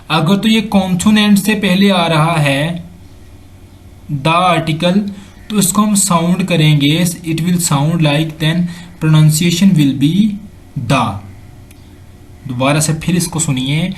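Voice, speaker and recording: A man with a Pakistani accent teaching English grammar over slides, slowly repeating examples and mixing in English sentences. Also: on the high side. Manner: slow and repetitive, drills examples aloud, mixes in English sentences. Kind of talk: slide-based lesson explanation.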